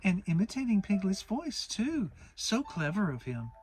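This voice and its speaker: A woman voicing a motherly female kangaroo, brisk, soothing and firm, in a children's storybook reading. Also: medium pitch, very animated, darkish tone, a little hiss or hum, voice pushed up, close to an everyday voice. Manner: thoughtful, soothing, mildly severe nannying.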